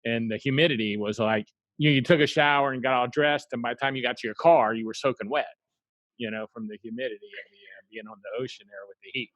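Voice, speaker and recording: A man from South Carolina hosting a podcast, talking in an animated, rambling way full of asides. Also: medium pitch, fast, dry recording. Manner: animated and rambling, lots of "you know" asides. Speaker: podcast host. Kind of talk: casual interview chat.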